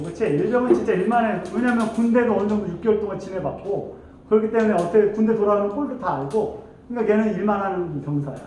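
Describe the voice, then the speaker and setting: A man's voice: sits high, a little mellow. A male teacher telling his class a playful story, acting out quoted voices and laughing often. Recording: echoey classroom from far off, faint noise.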